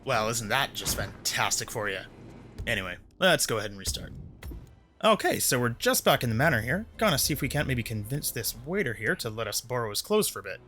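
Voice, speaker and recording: A man's voice: mid-range voice, sing-song, fast talker, bright, forceful tone. A man giving casual, sarcastic commentary while playing a video game. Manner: sarcastic, chatty. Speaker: gameplay commentator. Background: faint game music.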